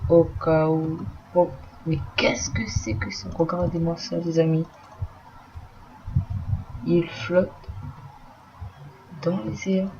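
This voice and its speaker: A man narrating a let's play in a soft voice, swearing when startled, on a dull lo-fi recording with faint noise. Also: on the high side. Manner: talks softly and slowly, swears when startled. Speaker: gameplay commentator.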